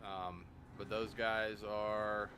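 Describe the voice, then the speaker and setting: A man's voice: lowish voice, little pitch movement, drawn-out words, music in the background. A man chatting casually and bluntly as a race engineer to his teammate, with car engines behind him. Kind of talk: casual sim racing team chat. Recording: very noisy, engine roar. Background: race car engine noise.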